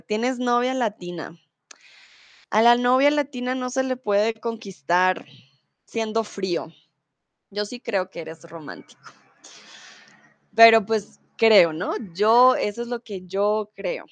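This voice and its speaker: Woman, young adult, language teacher, slow careful speech, repeats key words, dry close sound. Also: mid-range voice, dry recording. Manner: slow and clear, repeats and explains words, laughs easily. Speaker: Spanish teacher. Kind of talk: live online Spanish lesson, reading chat comments.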